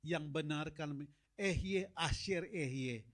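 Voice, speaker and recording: A man's voice: fairly high pitch, slow pace. A middle-aged man preaching a sermon as a pastor, telling stories and acting out dialogue with God and Moses. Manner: animated storytelling, acts out God and Moses in dialogue.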